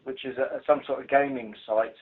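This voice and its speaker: Steady in tone with a breathy edge, this medium-pitched British man briefs colleagues informally by phone as a police investigator, at a moderate pace. His delivery is dry, blunt, and hesitant, captured on a muffled conference call.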